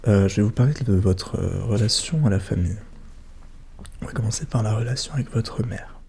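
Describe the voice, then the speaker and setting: A man doing a soft-spoken, ASMR role-play as a psychologist, questioning gently and attentively in a hushed voice that drifts into speaks softly. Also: fairly low pitch, fairly quick, vocal fry, a little hiss or hum. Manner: gentle, attentive questioning with short murmured acknowledgements.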